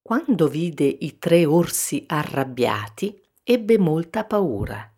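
A woman narrating a children's storybook gently and expressively. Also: deep voice, big pitch swings, slow, husky.

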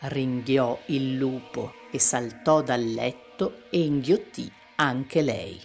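A woman reading a fairy tale aloud as narrator, in a calm, measured storytelling manner. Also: extremely low pitch, vocal fry, faint music behind.

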